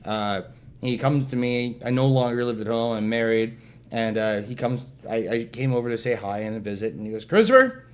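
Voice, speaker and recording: A man's voice: mid-range voice, little pitch movement, fairly quick, darkish tone. A man telling a long story in casual chat, jokey and self-deprecating, acting out quotes. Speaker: event organizer guest.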